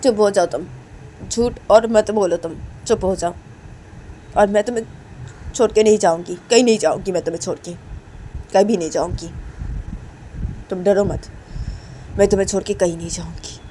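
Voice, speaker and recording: A woman's voice: medium pitch, moderate pace, long pauses, mellow, slight background noise, close to an everyday voice, poor audio. A woman voicing a firm, loyal young wife, repeating herself insistently.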